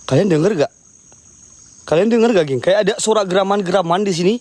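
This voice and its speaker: A very high-voiced man hosts a night exploration vlog. He is nervous and jumpy, often repeating himself to his viewers. The sound is close and dry, recorded outdoors. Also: fast talker, a little mellow, no echo. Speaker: host of a ghost-hunting vlog. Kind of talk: excited live night exploration commentary. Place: outdoors at night in a rural area.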